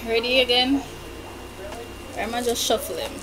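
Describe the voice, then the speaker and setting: A woman's voice: on the high side, normal speed, poor audio. A young woman chatting casually as she hosts a challenge, eating candy and reacting to it as she talks. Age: young adult. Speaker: challenge video host. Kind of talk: casual chat. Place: bedroom, indoors. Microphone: camera across a small table. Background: music in the background.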